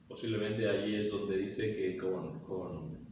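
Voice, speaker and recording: A man's voice: deep voice, steady tone, takes it slowly, dull audio. A man preaching a sermon in a church, reading scripture aloud and explaining it with rhetorical questions. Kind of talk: expository sermon. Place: church hall. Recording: echoey hall, mic far off, faint background noise.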